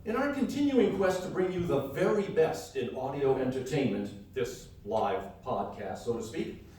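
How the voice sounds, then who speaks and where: Here a man performs scripted comedy banter before a live hall audience, posing as a pompous showman announcer; he's a comedy radio show performer and co-host. His voice is medium-pitched, animated and dark, at moderate speed, with a distant mic, strong hall echo and faint noise.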